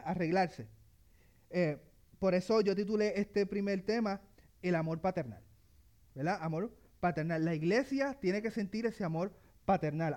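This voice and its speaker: Man, high-pitched, preacher, sermon, halting with restarts. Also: a little mellow. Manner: halting, many fillers and restarts.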